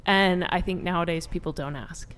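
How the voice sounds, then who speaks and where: A woman's voice: lowish voice, normal speed, a bit bright, clean tone. A woman from Eastern Europe, a guest on a casual panel chat, talking easily with many fillers. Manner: chatty, laughs easily, lots of fillers.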